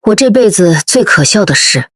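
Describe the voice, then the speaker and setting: A woman's voice: medium pitch, very animated, normal speed, breathy edge, dry recording, clean studio sound. A woman in her forties narrating a first-person audio story in a subdued, wounded way.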